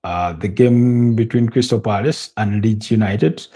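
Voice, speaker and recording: Hosting a football watch-along, a man from Africa shares live score updates and light news at a deliberate, halting pace, often repeating himself. He has a mellow voice on the low side.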